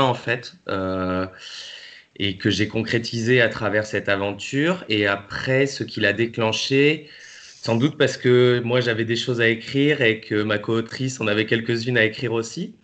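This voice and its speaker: Low-voiced hesitant man. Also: a bit bright. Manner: halting, many fillers and restarts. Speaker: interview guest, co-author of a novel. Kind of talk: hesitant conversational interview.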